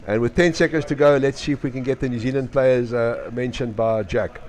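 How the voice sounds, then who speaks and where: A man's voice: medium pitch, a little fast, a little mellow. A man with a South African accent co-commentating a live youth match, chatty and full of filler words. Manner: chatty, many filler uhs. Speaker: sports commentator.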